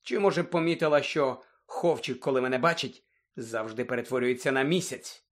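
A man voicing a calm, weary adult male teacher who speaks quietly and with restraint in an audiobook. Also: medium pitch, brisk, natural voice. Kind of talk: audiobook character voice.

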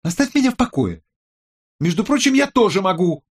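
A man's voice: fairly high pitch, expressive, normal speed, a little mellow, voice pushed up, lightly acted. A man voicing a snappy woman hacker. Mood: snapping. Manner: snappy, defensive. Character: sharp-tongued young woman hacker, touchy. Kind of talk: audiobook character voice.

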